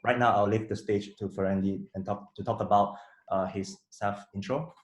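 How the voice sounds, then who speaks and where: A young man giving a halting, formal student pitch presentation. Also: fairly even intonation. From Malaysia. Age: young adult. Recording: roomy echo.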